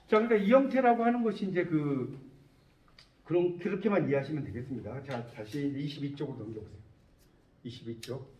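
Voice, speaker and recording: A man's voice: fairly high pitch, a little mellow. A man lecturing a class in a lecture room, often stopping to ask the students whether they follow. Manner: questioning students often, checking understanding. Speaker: university lecturer. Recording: distant, echoey, dull classroom recording.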